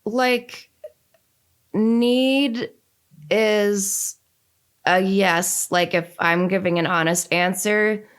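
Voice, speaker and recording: A woman's voice: mid-range voice, very slow, long pauses, clean tone. Chatty young woman, filler-heavy casual talk. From Northeastern United States. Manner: chatty, many fillers and "like"s, lively and candid. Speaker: podcast guest. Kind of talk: casual conversation.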